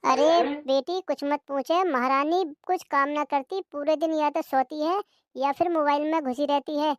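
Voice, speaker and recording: A woman's voice: high-pitched, fairly even intonation, moderate pace, no room sound, clean studio sound, lightly acted. A woman doing a grumbling old cartoon mother-in-law. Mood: complaining. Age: older. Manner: complaining, sighing lament. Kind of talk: cartoon comedy dub.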